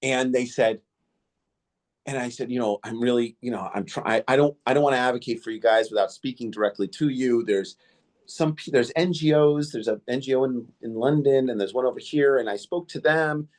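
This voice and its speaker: A man hosting a podcast interview speaks briskly in a mid-range voice. His first language was Indo-Greek, and his casual storytelling rambles, full of fillers and restarts.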